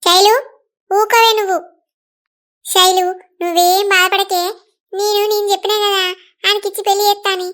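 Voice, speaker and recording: A bossy village mother-in-law barks orders in a high, bright cartoon voice, played by a woman. She scolds everyone around her. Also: flat delivery, normal speed, long pauses. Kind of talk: cartoon voice acting.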